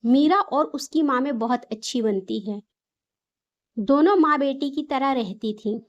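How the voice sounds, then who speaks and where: A woman storyteller reads a moral tale in a high voice at a slow, deliberate pace. Her delivery is gentle and steady, and the recording sounds a little dull and lo-fi. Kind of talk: scripted story narration.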